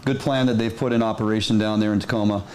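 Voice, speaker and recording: A man's voice: fairly low pitch, steady tone, fast talker, a little mellow, a little hiss or hum. A man hosting a talk show, chatting in an upbeat, easygoing way and affirming his guest. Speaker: host. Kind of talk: casual talk show chat.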